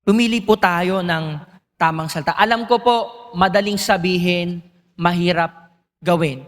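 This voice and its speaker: Pastor preaching, kinda high voice, asks the crowd stuff a lot, church echo everywhere. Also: male voice, normal speed. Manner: engaging, asks the congregation questions. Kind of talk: sermon.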